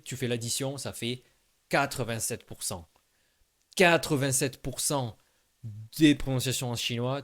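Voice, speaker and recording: A man talks straight to the camera in a relaxed video lesson, repeating short sounds slowly so the listener can copy them. His tone is informal and encouraging, addressing the viewer one to one. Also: mid-range voice. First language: French. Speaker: Chinese language teacher.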